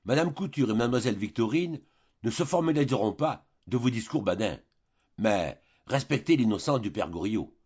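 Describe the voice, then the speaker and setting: A man voicing a brash, domineering middle-aged schemer who holds court at the dinner table with jokes and orders. The voice is husky with a lively, swinging pitch. It sounds like a dull, lo-fi home recording of a storybook reading. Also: normal speed. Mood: commanding.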